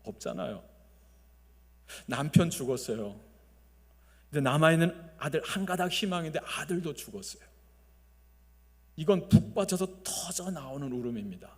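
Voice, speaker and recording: A male pastor preaching a Sunday sermon, swinging between loud emphasis and soft, quiet phrases, and leading the congregation to repeat after him. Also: on the high side, animated, normal speed, pauses often. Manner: leads the congregation in call-and-response. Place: large church sanctuary. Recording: long reverb of a church sanctuary.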